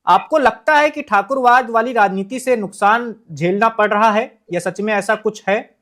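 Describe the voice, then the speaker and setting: Guy with a high voice asking pointed questions in a news interview. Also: a bit bright. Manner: probing, measured questions.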